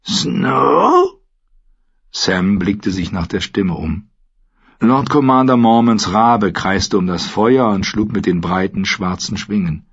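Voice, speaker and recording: A man reading an audiobook in a measured, low-key narration. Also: slightly rough. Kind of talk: scripted narration. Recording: dull lo-fi recording.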